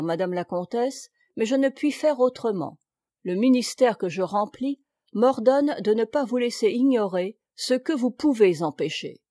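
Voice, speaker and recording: A woman reads a stern male country priest in a storybook, fierce and scolding as he preaches. The voice sits high and mellow, close and dry with no room sound. He rages in lofty, moralizing sentences. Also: no echo. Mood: grave.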